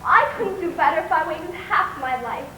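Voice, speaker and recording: A woman's voice: very high voice, animated, moderate pace, bright, forceful tone, heavily acted. A woman playing a spirited proper young lady. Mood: earnest. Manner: earnest, polite, flustered when pressed. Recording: echoey distant old recording with hiss.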